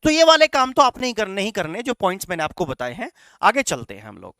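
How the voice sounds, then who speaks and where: Lively, expressive male teacher giving a lecture. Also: high voice, fast talker, smooth, no echo, clean studio sound. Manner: instructive, repeats "right?" and "चलेगा" to check in; mixes English phrases into Hindi. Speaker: coaching teacher. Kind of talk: classroom lecture.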